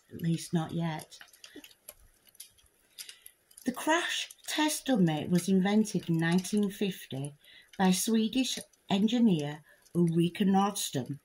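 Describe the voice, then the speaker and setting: A woman giving a dry, deadpan comic reading of a parody picture book for adults. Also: on the low side, slight background noise, poor audio. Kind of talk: comic bedtime story reading.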